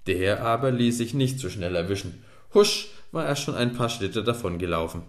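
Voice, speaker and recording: Deep-voiced man reading a children's story. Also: moderate pace. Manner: lively, expressive reading. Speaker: audiobook narrator. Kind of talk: scripted storybook narration. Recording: echoey room.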